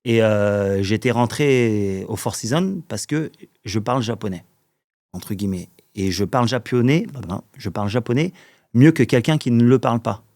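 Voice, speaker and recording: A man's voice: mid-range voice, normal speed, a little mellow. A man in his forties from the Paris suburbs, a podcast guest telling long anecdotes in casual chat, with many fillers and frequent chuckles. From Paris suburbs, France. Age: 40s. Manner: rambling storyteller, filler-heavy, chuckles often.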